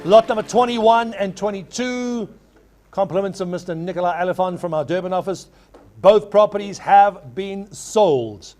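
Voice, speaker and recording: High-pitched man calling an auction. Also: a little mellow. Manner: repeats figures in rapid chant when taking bids. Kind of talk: live property auction calling.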